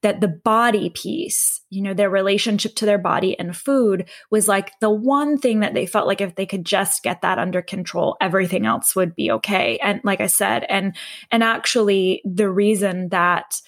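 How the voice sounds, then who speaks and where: A woman's voice: mid-range voice, normal speed. A woman guest in a conversational interview, speaking reflectively with frequent fillers and restarts. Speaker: podcast guest, health coach.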